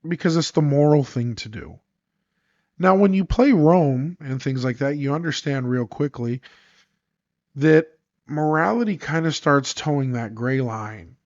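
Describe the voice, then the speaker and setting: This podcast host has a slightly high voice and sounds congested as he runs through a solo, emphatic, sarcastic monologue full of rhetorical questions. The audio is dry and dull with a lo-fi quality and no echo.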